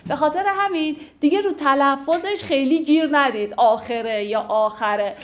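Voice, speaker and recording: A woman with a somewhat high voice teaches a class on classical poetry. She explains each verse patiently and slips in light jokes. She slows down to recite the lines. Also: animated. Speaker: literature teacher.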